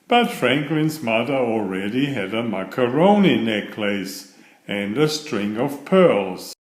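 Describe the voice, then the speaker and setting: A man reads a children's picture book aloud at an unhurried pace. His pitch moves around a great deal as he narrates. The recording has a noticeable room echo. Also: lively intonation. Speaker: storyteller and children's author. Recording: roomy echo.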